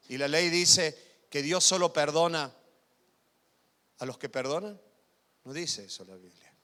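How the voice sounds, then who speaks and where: In a reverberant church hall, a male pastor preaches, swinging from loud, emphatic passages to quiet, intimate asides. He often asks the congregation whether they follow, and his voice runs a little high.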